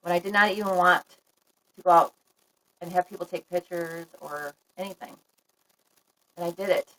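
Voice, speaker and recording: A woman's voice: fairly low pitch, a bit bright, poor audio. A woman live-streaming a casual chat to her viewers, talking frankly and laughing often. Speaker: livestream vlogger.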